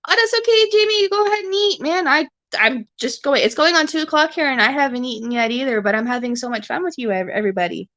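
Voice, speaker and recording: Fast and with few pauses, a Canadian woman in her forties talks to her livestream audience in a high, fairly bright voice. The chat is casual and rambling, peppered with fillers and restarts. Captured on a webcam or phone, it has no room sound.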